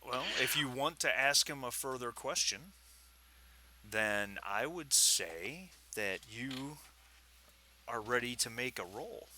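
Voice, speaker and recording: A man running a tabletop game as game master, relaxed and unhurried, with many fillers. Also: medium pitch, a little hiss or hum.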